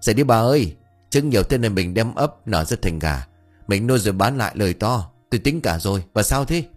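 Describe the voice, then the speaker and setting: A stubborn old man, blustering and boastful, as a storyteller puts him on. The voice sits low and rises and falls with lively emphasis. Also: fairly quick, faint music behind.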